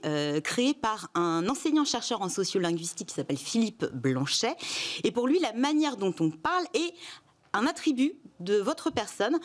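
A woman with a Parisian accent delivering a TV column, stressing key points and speaking directly to viewers. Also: mid-range voice. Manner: emphatic, addresses viewers directly. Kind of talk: scripted TV column with asides.

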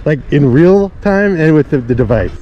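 A middle-aged male vlogger with a higher, expressive voice talks at normal speed, rambling casually to viewers while riding and tossing in jokey asides. He's outdoors on a suburban street, captured on dull action-camera audio with street noise around him.

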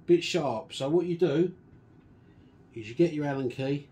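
A man casually walking through a guitar restoration and explaining each step in a relaxed, chatty way. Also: on the high side, measured pace, a little hiss or hum. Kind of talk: casual workshop demonstration.

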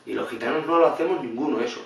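A man giving blunt, animated vlog commentary in reaction to a video. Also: medium pitch, rapid-fire, vocal fry. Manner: animated, blunt and swearing, mimics others in funny voices. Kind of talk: casual opinionated commentary. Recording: very echoey room, mic at a distance.

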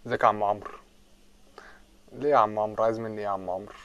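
A young man with an Egyptian Arabic accent hosting a casual livestream, greeting viewers by name and joking with loud bursts of laughter. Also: lowish voice, fairly even intonation, rapid-fire, dull audio, slight background noise. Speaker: livestream host. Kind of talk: casual live chat reading comments.

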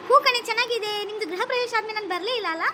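A woman doing a fast-talking cartoon girl. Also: very high-pitched, background noise. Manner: quick, reassuring, bossy. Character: chatty girl, the visiting childhood friend. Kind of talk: animated cartoon skit voice.

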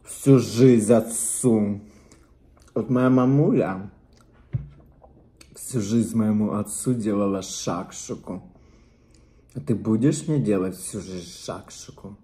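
Мужчина говорит с набитым ртом, неспешно. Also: male voice, fairly low pitch, takes it slowly, pauses often, warm tone. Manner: playful, joking, addresses viewers directly. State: chewing while talking. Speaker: mukbang vlogger. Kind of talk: casual mukbang chat to viewers.

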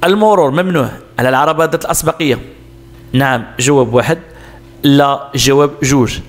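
Speaking fairly quickly at a medium pitch, a Moroccan-accented driving instructor goes through road sign test answers one step at a time, raising questions and then supplying the answers.

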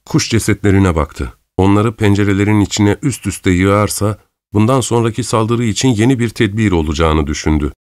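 A man reading an audiobook aloud in measured, dramatic scripted narration. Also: on the low side, darkish tone, no echo, clean studio sound. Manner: measured, dramatic storytelling, voicing characters' lines lightly.

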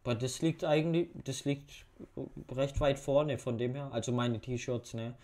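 A man's voice: mid-range voice, steady tone, a little slow, a little mellow. A young man reading quiz questions aloud and muttering wry answers in a casual home video commentary. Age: young adult. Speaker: YouTuber. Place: bedroom at home. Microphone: webcam facecam.

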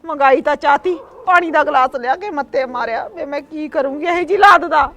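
An actress playing a nagging stepmother in a village comedy sketch, shrill and complaining. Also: fairly quick, a bit bright. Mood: scolding. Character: nagging middle-aged stepmother who later repents. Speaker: actress in a short comedy film.

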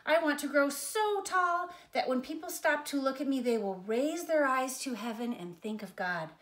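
A woman's voice: high-pitched, animated, moderate pace, fairly bright tone. A woman voicing an ambitious, hopeful young tree in a storybook, speaking in proud, dreamy declarations. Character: hopeful, ambitious little trees, young and earnest. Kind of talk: storybook character reading.

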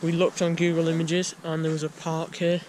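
A man's voice: on the high side, monotone, fairly quick, poor audio. A teenage boy casually narrating a walkthrough of an abandoned building, filling his talk with "like" and "guys". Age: teens. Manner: loose, filler-heavy commentary with many "like" and "guys". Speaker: urban explorer vlogger. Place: abandoned building, indoors and outdoors. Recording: loud background noise.

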